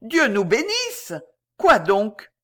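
A woman voicing a deaf, frightened old lady with a trembling, high-pitched voice. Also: big pitch swings, a little slow. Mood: alarmed, shrill.

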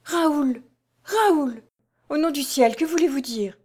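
A resigned, sorrowful young woman from an audiobook, voiced by a woman reader. She speaks softly and mournfully, sometimes rising in fear. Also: medium pitch, moderate pace, lightly acted. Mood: frightened. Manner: soft, mournful. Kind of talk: audiobook character voice.

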